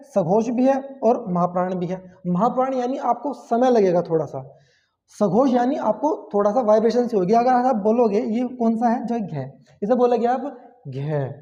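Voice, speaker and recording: A man's voice: high-pitched, warm tone. A man teaching a grammar lesson, explaining step by step and asking and answering his own questions. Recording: dull sound with long hall reverb.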